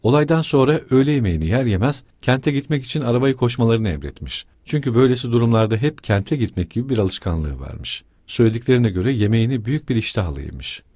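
A man voicing an anxious, talkative elderly mother who speaks in a hurried, fretful way. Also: medium pitch, animated, dark tone, no echo, pitched above the performer's own voice, lightly acted.

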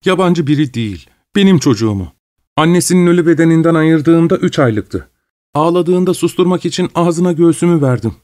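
A man's voice: mid-range voice, normal speed, dark tone, close to an everyday voice. Sorrowful older mum pleading through tears, man doing her voice, storybook reading. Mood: tearful. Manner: tearful pleading, pious. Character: older grieving mother, pious and sorrowful.

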